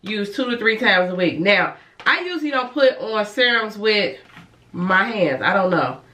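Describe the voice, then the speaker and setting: A woman's expressive, sharp-toned voice of medium pitch moves at a moderate pace as she reviews and demonstrates skincare. She's a licensed cosmetologist and beauty vlogger, chatting casually in a rambling, self-correcting way and a little congested from a cold. The room is echoey and the mic distant.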